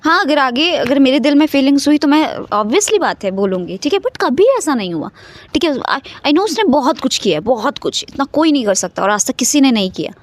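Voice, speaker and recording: Into her phone, a young woman vlogger casually shares a personal story in a high-pitched, animated voice at a brisk pace, with no echo. She is chatty, blends English into her talk, and keeps saying "okay" to check in.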